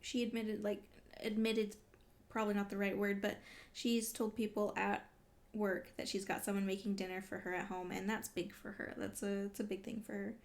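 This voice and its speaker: Delivery is flat and the pace moderate, from a woman with a mid-range voice. She's doing casual read-along reaction commentary as a vlogger, exclaiming with emotional investment.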